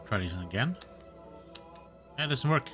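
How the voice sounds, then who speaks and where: A man's voice: medium pitch, lively intonation, a little slow, fairly bright tone, faint music behind. A male streamer giving live commentary on a game and muttering to himself while he plays.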